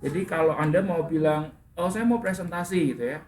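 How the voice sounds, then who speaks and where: A man's voice: a little high, a little fast, a little mellow. A man teaching an English class, correcting his students' pronunciation and asking them questions. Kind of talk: classroom instruction. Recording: echoey classroom with faint room noise.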